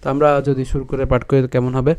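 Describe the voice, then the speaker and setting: A man teaching a scripture class, slowly breaking verses into syllables and chanting them, often pausing to ask and answer his own questions. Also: mid-range voice, level tone, a little mellow, clean tone, no room sound. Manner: repeats "ঠিক আছে" and asks himself questions. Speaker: Gita teacher. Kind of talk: recitation lesson on Sanskrit pronunciation.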